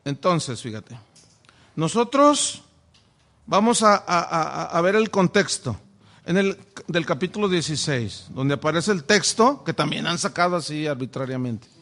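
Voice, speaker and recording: A preacher teaches the Bible to his congregation. His voice is high for a man. He keeps throwing questions at the listeners. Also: sing-song, a little slow, fairly bright tone. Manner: asks the audience many rhetorical questions. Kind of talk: sermon-style Bible teaching.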